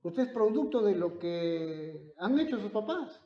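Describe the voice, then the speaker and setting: A man preaching a sermon, swinging between loud emphatic declarations and quiet storytelling. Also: high-pitched, very animated, a little slow. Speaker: pastor. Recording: echoey room, dull lo-fi sound.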